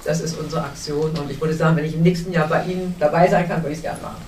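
A woman's voice: low-pitched, fairly even intonation, quick pace, noisy background. Older German woman in an echoey hall. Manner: earnest, searching for words, frequent restarts. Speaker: panel guest. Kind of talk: recounting memories in a panel discussion. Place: cinema hall. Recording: echoey hall, distant mic.

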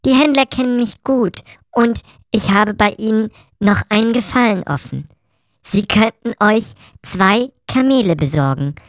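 A woman voicing a hungry, defiant young female thief in an audio story, talking quickly. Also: medium pitch, no echo, studio quality, lightly acted. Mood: persuasive.

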